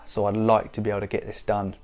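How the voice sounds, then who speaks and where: Low-voiced guy in his 30s, rambly finance chat, bit of music in the background. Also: monotone, fast, a little mellow. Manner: rambling, frequent restarts and fillers. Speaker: investing YouTuber. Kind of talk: casual explainer to camera.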